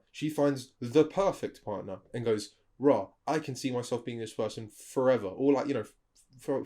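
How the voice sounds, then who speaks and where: A man co-hosting an advice podcast, talking animatedly, swearing and acting out what people say. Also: medium pitch. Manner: animated, swears, acts out quoted voices. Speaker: podcast co-host. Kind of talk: casual advice chat.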